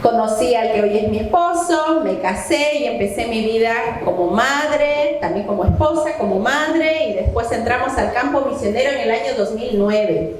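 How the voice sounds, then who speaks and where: Middle-aged coast lady teaching the bible to women, talks right to the crowd, high voice, big church echo. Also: lively intonation, normal speed, a little hiss or hum. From Santo Domingo, Ecuador. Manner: addresses the audience directly with questions. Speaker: women's conference speaker. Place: church hall. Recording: echoey church hall.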